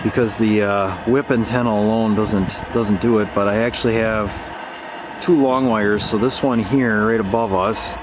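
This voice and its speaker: A man shows off shortwave radio reception in a hands-on video, talking casually off the cuff as ideas come to him. He speaks at a moderate pace in a steady, low voice, and the amateur camera recording has heavy background noise.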